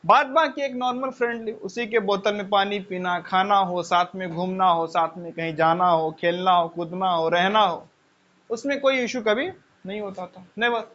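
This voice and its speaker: A man's voice: high voice, moderate pace, a bit bright. A man teaching a class in a conversational way, full of rhetorical questions and repeated phrases. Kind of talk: lecture with personal stories. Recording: dull lo-fi sound.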